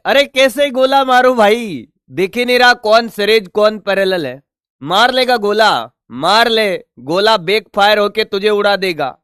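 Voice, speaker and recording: A man with a high-pitched, sharp, clear and resonant voice teaches physics online at a board, in studio-quality sound with no room echo. He chats, teases, works out circuit problems, and takes questions from his students.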